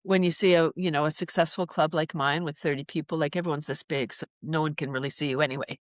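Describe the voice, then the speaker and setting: An upbeat woman from Canada speaks as an interview guest, animated and full of energy. She laughs easily between thoughts. The sound is dry and close, with no room around her voice. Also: low-pitched, fast talker, dry recording. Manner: enthusiastic, animated, laughs often. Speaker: guest, laughter yoga teacher. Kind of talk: casual interview chat.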